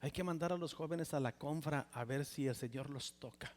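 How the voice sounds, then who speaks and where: A Mexican man in his sixties preaching a personal testimony sermon in a church, with a Mexican Spanish accent, swinging from loud exclamations to near whispers. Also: fairly high pitch, normal speed. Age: 60s. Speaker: pastor. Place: church sanctuary. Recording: reverberant church hall.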